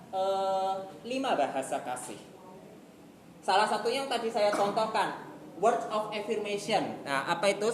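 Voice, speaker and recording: A woman teaching a youth group in casual classroom style, chatty and acting out little scenes between friends. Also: fairly low pitch. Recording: echoey room with faint noise.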